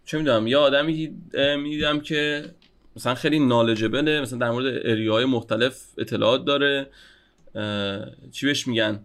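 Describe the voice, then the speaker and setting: A man's voice: medium pitch, fairly bright tone. A young man talking on a casual podcast, thinking aloud and hedging with many fillers. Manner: reflective, hedges with many fillers. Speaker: podcast co-host.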